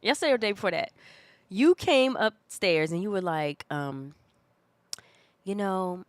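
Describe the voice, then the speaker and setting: A hoarse woman with a cold, co-hosting a casual chat and telling stories in an animated way. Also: medium pitch, unhurried. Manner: animated, chatty storytelling. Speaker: co-host.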